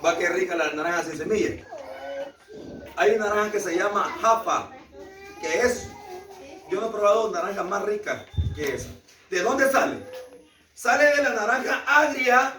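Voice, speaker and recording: A man with a Salvadoran Spanish accent teaching a Bible lesson to a class, repeating key words emphatically and asking the class questions. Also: sits high. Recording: echoey room, speaker far from mic.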